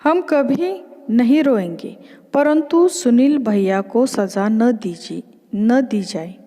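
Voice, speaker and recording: A woman's voice: fairly high pitch, takes it slowly, warm tone, long reverb tail. A woman voicing a small crybaby boy who pleads tearfully. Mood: pleading.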